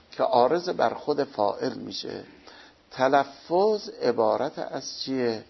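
A man with a husky, mid-range voice and vocal fry teaches a seminary lecture, explaining slowly and step by step. He poses questions and then answers them himself. The recording is dull and lo-fi.

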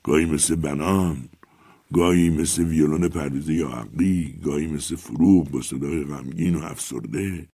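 A man reading a story aloud in a very deep voice. His tone is dark and slightly husky, and his delivery is measured and rhythmic. The recording is dry and close. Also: no room sound.

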